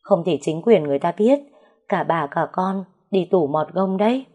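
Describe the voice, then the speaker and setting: A woman voicing a cunning older mother-in-law who coaxes and warns in a low, even tone. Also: normal speed, slightly rough. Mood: stern. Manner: coaxing then threatening.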